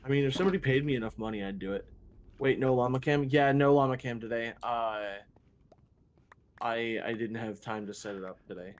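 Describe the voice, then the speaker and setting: A man's voice: mid-range voice, fairly quick. A man streaming a game and chatting casually, rambling with frequent restarts and self-deprecating asides. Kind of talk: casual chat while gaming.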